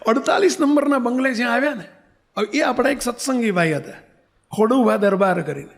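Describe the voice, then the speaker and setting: A man's voice: very high-pitched, animated, a little fast, vocal fry. A man, a monk preacher, telling a story in a sermon and acting out the dialogue vividly.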